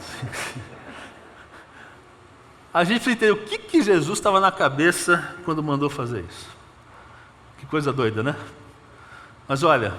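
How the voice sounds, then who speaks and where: Brazilian pastor preaching in a reverberant church. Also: male voice, mid-range voice, a little hiss or hum. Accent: Brazilian Portuguese. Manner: counts aloud in a soft murmur, rises to emphatic appeals. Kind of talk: sermon. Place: church sanctuary. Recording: long church reverb with faint ambience.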